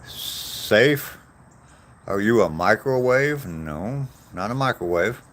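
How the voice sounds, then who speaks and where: Here a man in his sixties rambles casually while walking outdoors, a vlogger working through live-chat comments with meandering, self-deprecating replies. He has a lowish, fairly bright voice and sounds animated, though he talks slowly.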